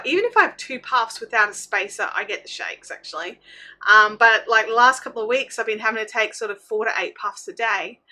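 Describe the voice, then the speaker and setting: A woman with a very bright, fairly high voice. She chats casually to livestream viewers as she crafts, thinking aloud and interrupting herself in relaxed slang. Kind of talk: casual chatty livestream while knitting.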